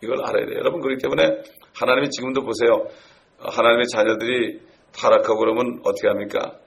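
A middle-aged male pastor preaches with earnest energy. He keeps asking the congregation questions. His voice sits at a middle pitch over a faint background hiss. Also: fairly even intonation, fast, vocal fry. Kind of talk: sermon.

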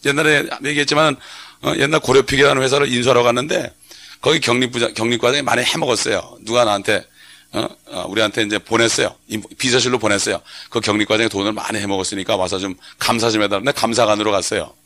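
Gravelly-voiced pastor preaching conversationally. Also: male voice, mid-range voice, fairly even intonation, fast, sharp tone. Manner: conversational preaching with frequent call-and-response questions. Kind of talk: sermon.

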